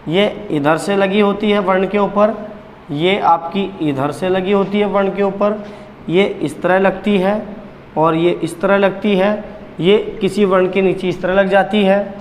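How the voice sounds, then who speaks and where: A man's voice: sits high, long reverb tail, a little hiss or hum. A man teaching Hindi grammar at a board, repeating key points and quizzing the class with questions. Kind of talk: blackboard lesson.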